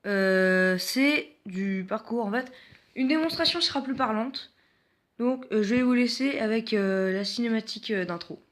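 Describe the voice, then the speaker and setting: A man's voice: high voice, moderate pace, fairly bright tone. A man presenting mobile games in casual gameplay commentary, hesitant and full of filler sounds, with self-mocking jokes. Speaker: mobile game video host.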